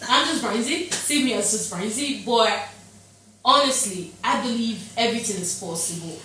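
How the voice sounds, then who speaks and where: A woman's voice: medium pitch, a little hiss or hum. A young woman from Nigeria, an interview guest, talking casually with energy and emphatic repetition in a studio. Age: young adult. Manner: energetic, emphatic, repeats phrases for effect. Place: studio set with sofa. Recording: very echoey studio, heard from a distance.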